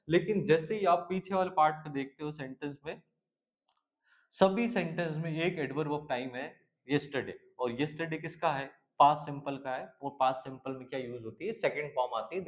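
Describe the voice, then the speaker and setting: Indian man teaching grammar questions. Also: fairly high pitch. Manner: patient, asks and answers his own questions, reads English slowly. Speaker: exam-prep English teacher. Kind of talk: explaining grammar MCQs in Hindi-English mix.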